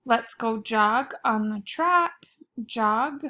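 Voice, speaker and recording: A woman's voice: fairly high pitch, lively intonation, very slow, sharp tone. A woman, a schoolteacher dictating a spelling test, setting words apart carefully and repeating them. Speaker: elementary school teacher.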